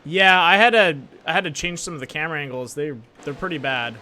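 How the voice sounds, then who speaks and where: A man with a slightly high voice provides live commentary on a sim race. He talks as a casual motorsport commentator, informal and chatty, with a joking, off-the-cuff delivery. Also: fast talker, pushed and bright.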